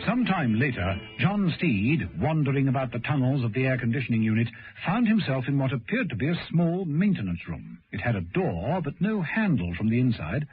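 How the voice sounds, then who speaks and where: A man narrates a vintage radio serial in a dramatic, suspenseful, scripted style. His mid-range voice is very animated, moving at normal speed with few pauses over soft background music. The recording sounds like a muffled old radio broadcast.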